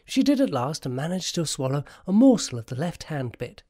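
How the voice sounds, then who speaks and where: Narrator for scripted storybook audio: medium pitch, animated delivery. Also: brisk, dry recording, clean studio sound.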